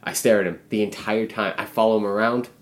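A man's voice: fairly low pitch, fairly even intonation, fast. Ranting, swearing podcast man. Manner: swearing, ranting, mock-angry. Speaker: podcast co-host. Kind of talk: casual podcast chat.

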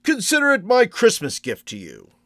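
A man's voice: very high-pitched, wildly swooping pitch, moderate pace, a bit bright, no echo, clean studio sound, pitched above the performer's own voice, heavily acted. A man voicing a beaming little old male toy maker, cheerful and coaxing, in a storybook reading. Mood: jolly.

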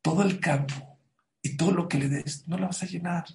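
A man voicing a blunt male friend who gives advice in a hushed, confiding tone. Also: a little high, steady tone, moderate pace, gravelly, a little hiss or hum, pitched above the performer's own voice.

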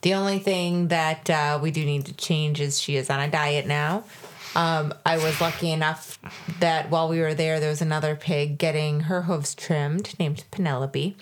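Low-voiced rambling woman co-host. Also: fairly even intonation, normal speed. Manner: rambling, with frequent fillers and restarts. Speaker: podcast co-host. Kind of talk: casual chat.

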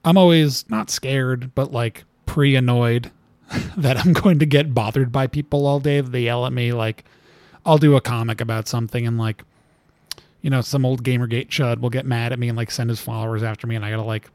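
A man's voice: medium pitch, steady tone, normal speed, a little mellow, dry recording. A man talking casually as an interview guest, rambling with lots of fillers and laughing at his own stories. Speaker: cartoonist guest.

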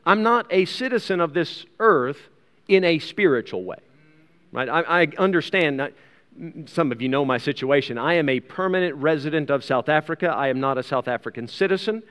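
Long hall reverb marks this recording of an American man preaching in a large room. His voice is on the high side, animated and a bit bright with a clean tone, at normal speed, as he reads scripture and chats through rhetorical questions and asides.

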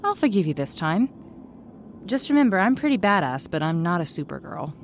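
A woman's voice: on the low side, big pitch swings, fairly quick, a little hiss or hum. An actress playing a tough, protective young woman with a wry way of talking, in an audio drama. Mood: forgiving.

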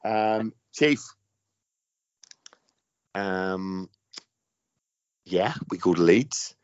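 A man's voice: deep voice, lively intonation, extremely slow, a little mellow, dry recording. A man hosting a casual football podcast in an informal, emphatic way. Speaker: podcast host. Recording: dull lo-fi podcast sound, dry.

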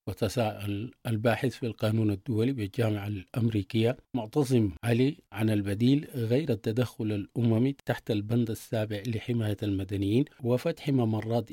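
A man's voice: on the low side, dark tone, husky, dry recording, studio quality. A man reading scripted radio news as a presenter.

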